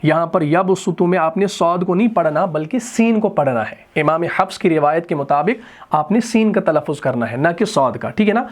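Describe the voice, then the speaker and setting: A man's voice: fairly high pitch, expressive. A man teaching Quranic Arabic grammar in a recorded lesson, who explains step by step and often checks that his students follow. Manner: intones Quranic verses in a slow chant.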